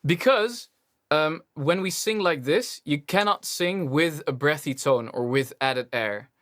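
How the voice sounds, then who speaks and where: A Dutch-accented man coaching a singer with an easy, encouraging manner. His pitch moves a lot as he explains. He stops now and then to sing high lines as examples. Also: unhurried. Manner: relaxed, encouraging, demonstrates high sung lines. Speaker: vocal coach. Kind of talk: one-on-one singing lesson.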